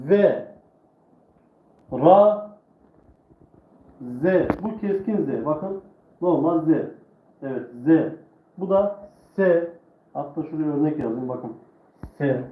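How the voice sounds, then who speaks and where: Guy teaching quran letters live, slow patient drills, tinny phone sound. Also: fairly high pitch, reverberant. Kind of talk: live online lesson.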